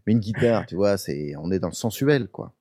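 A man's voice: on the low side, animated, a little fast, dark tone, slight background noise. A man from Paris, a guitar expert, chatting casually with many fillers and restarts. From Paris, France. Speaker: guest guitar expert with a guitar channel. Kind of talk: casual podcast chat.

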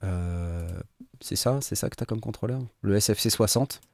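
A man hosting a live stream, asking his guest questions in a relaxed, joking way. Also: lowish voice, moderate pace, no echo, clean studio sound. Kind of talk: casual live-stream chat.

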